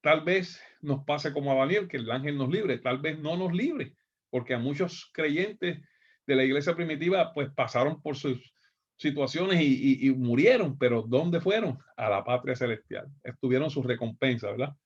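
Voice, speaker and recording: Bible teacher, a man with a fairly high voice. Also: moderate pace, husky, muffled recording. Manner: explains scripture, often adds "¿verdad?". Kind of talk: Bible class lecture.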